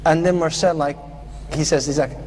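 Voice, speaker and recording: A man doing stand-up, telling an animated story and acting out the people in it. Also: on the high side, normal speed. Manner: animated, acts out the scene with quoted voices. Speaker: comedian. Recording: live show with a noisy laughing crowd. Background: audience laughter and noise.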